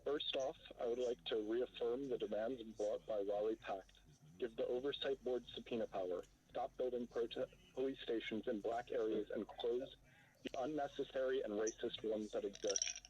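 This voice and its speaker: A man's voice: mid-range voice, steady tone, normal speed, darkish tone. Man calling in over a muffled phone line. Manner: blunt and accusing, with a swear. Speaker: caller giving public comment. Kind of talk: read-out public comment.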